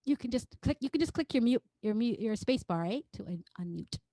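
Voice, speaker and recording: A woman's voice: a little high, fairly quick, no echo, poor audio. Playful woman leading a video-call workshop. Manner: energetic, playful, coaxing. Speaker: choral workshop clinician. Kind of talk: interactive online music workshop.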